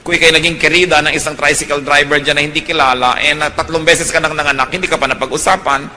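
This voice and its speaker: A man's voice: fairly high pitch, fairly even intonation, fast, bright, forceful tone. A middle-aged Filipino man preaching a sermon, mixing Tagalog and English and rising to emphatic peaks. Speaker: pastor. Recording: long hall reverb, faint noise.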